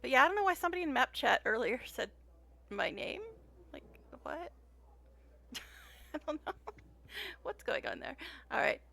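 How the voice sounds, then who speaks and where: A woman's voice: high voice, sing-song, moderate pace, vocal fry, pauses often, a bit bright. A woman game streamer giving casual, chatty, playful commentary as she plays. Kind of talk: casual gameplay commentary, reads dialogue aloud. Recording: faint background noise.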